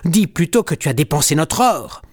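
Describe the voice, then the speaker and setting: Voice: medium pitch, very animated, moderate pace, voice pushed up. A storyteller voicing a grumbling, reproachful boy kitten in a storybook. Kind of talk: storybook reading.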